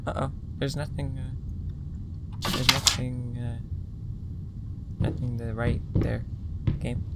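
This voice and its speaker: Let's-play host, man: slow, gravelly, mutters then shouts at the game, noisy recording. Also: medium pitch, level tone. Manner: jumpy, mumbling, swears, shouts at the game. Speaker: YouTuber playing a horror game. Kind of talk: casual gameplay commentary. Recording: loud background noise.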